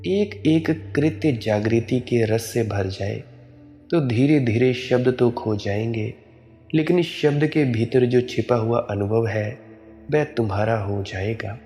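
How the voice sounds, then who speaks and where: A man giving a spiritual sermon in a slow, measured, admonishing way. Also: medium pitch, mellow, soft background music. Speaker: spiritual preacher.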